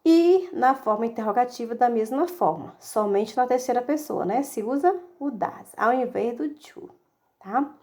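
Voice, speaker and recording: A woman's voice: fairly high pitch, lively intonation, a little mellow. A woman teacher giving a recorded video lesson, explaining step by step and answering her own questions. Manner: explains step by step, asks the class questions and answers them herself; reads English example sentences slowly and deliberately. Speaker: English teacher.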